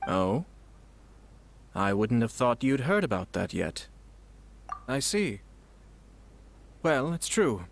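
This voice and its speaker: A man's voice: medium pitch, very animated, takes it slowly, pauses often, a little hiss or hum. A man playing a composed young noble clan head in a video game, speaking formally and with polish. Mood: composed, courteous. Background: faint game music.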